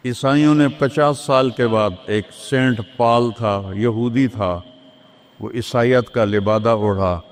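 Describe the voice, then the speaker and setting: A man's voice: medium pitch, slow pace, long reverb tail. A man preaching a sermon in a mosque, with rhythmic, repetitive oratory and recited Arabic verses.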